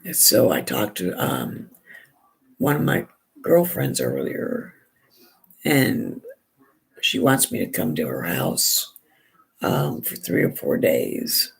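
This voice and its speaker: A hoarse woman with a gravelly, raspy voice, chatting in a rambling way and restarting often while she does her makeup for a vlog. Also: extremely low pitch, sing-song, slow, pauses often. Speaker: beauty vlogger. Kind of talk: casual chat while doing makeup.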